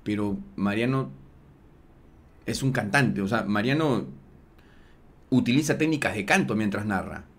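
A man's voice: on the low side, measured pace, pauses often. A man, hosting a sports talk show, explaining things in a loose, slangy way full of fillers. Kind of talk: casual analysis chat.

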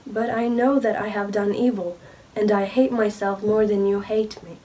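Remorseful male creature, slow careful reading, young woman with a cold reading, a bit off-mic. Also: mid-range voice, flat delivery, dark tone, distant mic, lightly acted, rough recording. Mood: grim. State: sick with a cold.

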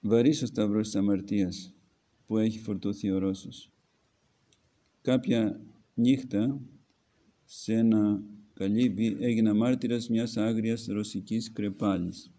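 A man's voice: fairly low pitch, fairly even intonation, dark tone. A man, an Orthodox archimandrite, reads a book aloud as a homily and breaks off to add his own comments. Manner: reads narrative then pauses to comment.

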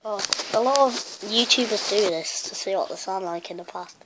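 A woman's voice: medium pitch, moderate pace, a bit bright, a little hiss or hum. A woman YouTuber chatting casually in a rambling, self-mocking way as she looks back at her old videos. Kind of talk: casual vlog commentary.

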